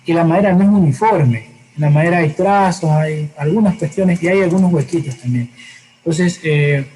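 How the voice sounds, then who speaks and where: A man teaching a science class, explaining patiently with everyday examples, often pausing to hesitate and correct himself. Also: fairly high pitch, dark tone, slight background noise, low-quality recording. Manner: frequent hesitations and self-corrections. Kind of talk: classroom lecture.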